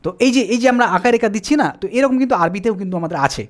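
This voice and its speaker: Patient whiteboard teacher, animated up-and-down delivery, self-answering questions. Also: medium pitch, rapid-fire. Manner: asks questions and answers them, repeats "ঠিক আছে?". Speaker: Quran reading teacher. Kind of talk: whiteboard lesson, explaining step by step.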